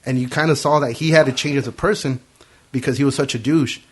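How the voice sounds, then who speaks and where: A man's voice: medium pitch, fairly even intonation, breathy edge. A man hosting a podcast, telling a story in casual profane chat and acting out the quotes. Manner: quick, profane anecdote telling with acted quotes. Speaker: podcast host.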